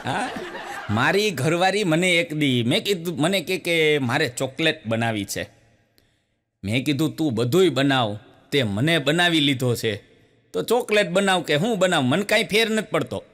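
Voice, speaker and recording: A man with a Gujarati accent telling folksy comic stories as a stand-up comedian, animated, jumping up to a higher pitch when he voices the women in his jokes. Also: moderate pace.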